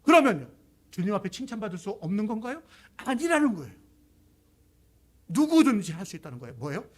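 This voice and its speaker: A man's voice: high voice, very animated, fairly quick. A man preaching a sermon as pastor, speaking expressively and acting out quoted voices.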